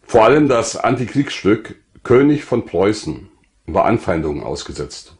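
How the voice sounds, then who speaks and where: Reading his autobiography from a script, this older man of sixty or more, once a pastor and now a writer, hails from Lusatia in eastern Germany. He speaks with a fairly low, slightly mellow voice.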